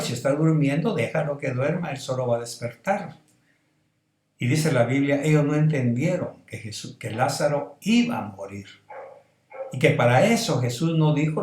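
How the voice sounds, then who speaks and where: A middle-aged pastor with a Salvadoran accent preaching a sermon, building emphasis as he goes. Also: medium pitch. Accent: Salvadoran Spanish. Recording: roomy echo.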